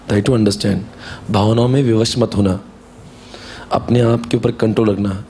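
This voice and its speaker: A man teaching a classroom lecture in Hindi and English, sternly urging students to study, then reading exam questions aloud slowly. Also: mid-range voice, darkish tone, slight background noise.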